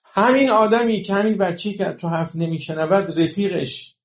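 A man delivers a religious talk with a rough, gravelly edge to his voice. He explains his points patiently and keeps checking in with rhetorical questions. The sound rings out in an echoey room. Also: sits high. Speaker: religious lecturer.

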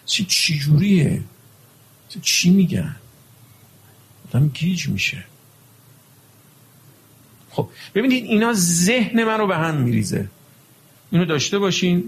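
A man's voice: a little high, gravelly, husky. A male preacher giving a religious lecture, emphatic and full of rhetorical questions to his audience.

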